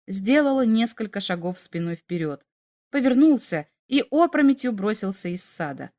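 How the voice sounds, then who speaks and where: Lively woman reading a story aloud. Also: mid-range voice. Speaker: narrator. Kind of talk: expressive storytelling.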